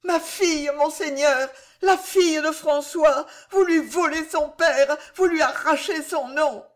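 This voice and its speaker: A woman's voice: high voice, a little slow, voice pushed up. A woman voicing a desperate young noblewoman who begs and sobs for mercy in an audiobook reading. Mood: desperate pleading. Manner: frantic, sobbing pleas. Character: desperate young noblewoman, pleading wife and mother.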